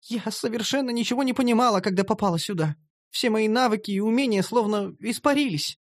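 A man's voice: high-pitched, fairly quick, no room sound, clean studio sound, voice pushed up, lightly acted. A man voicing a haughty young noble elf woman who has been enslaved, prim and formal in an audiobook. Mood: indignant.

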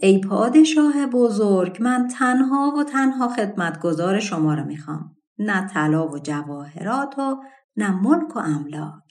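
An earnest young girl from a fairy tale, read by a woman. She pleads insistently and sincerely. Her voice sits at an everyday pitch. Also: animated, a little mellow, natural voice. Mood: earnest, pleading.

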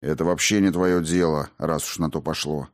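A man voicing a gruff, evasive middle-aged father who answers in curt, grumbling tones in an audiobook. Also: a bass voice, fairly even intonation, normal speed, voice pushed down.

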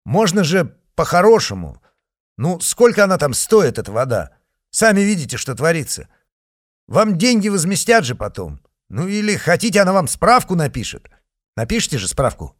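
A man's voice: mid-range voice, very animated, fast talker, few pauses, husky, dry recording, clean studio sound, voice pushed up. A man voicing an anxious young man who pleads for a peaceful deal in an audiobook. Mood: pleading. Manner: pleading, raised voice.

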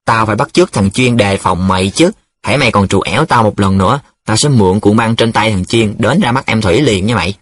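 A man voicing a defensive, flustered young male student in love, with a husky voice. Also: on the low side, a little fast, few pauses, natural voice. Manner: defensive, hesitant.

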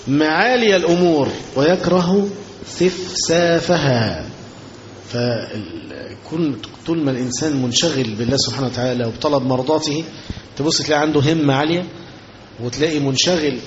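Egyptian male preacher, fairly high voice, chatty sermon full of rhetorical questions, muffled lo-fi tape with faint hiss. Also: animated, moderate pace, pauses often. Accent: Egyptian Arabic. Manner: conversational, rhetorical questions to the audience. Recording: dull lo-fi recording with faint noise.

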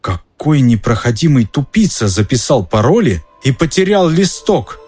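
A man voicing a strict, indignant elderly female professor in a storybook reading, with a sharp, scolding manner. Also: mid-range voice, big pitch swings, moderate pace, husky, soft background music, pitched above the performer's own voice. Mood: shaken.

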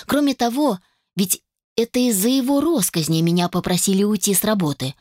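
A woman narrating a first-person novel aloud in an expressive, dramatic way. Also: mid-range voice, a little fast, no room sound, studio quality. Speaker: audiobook narrator.

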